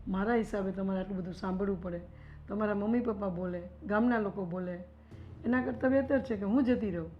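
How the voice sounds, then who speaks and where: A woman acting as a wife who gently offers to leave home so her husband is spared gossip. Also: medium pitch, fast, natural voice. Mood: gentle. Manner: soft, self-blaming, gentle. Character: older wife who feels she burdens her young husband. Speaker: wife in a family drama. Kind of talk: Gujarati short-film acting. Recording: dull lo-fi sound with faint noise.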